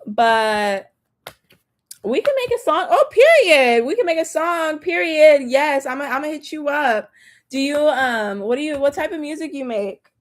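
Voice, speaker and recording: A woman's voice: high voice, animated, measured pace. A young woman from Texas with a slight Southern accent, chatting casually with viewers on a tarot livestream in a slangy, direct way. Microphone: phone or laptop mic.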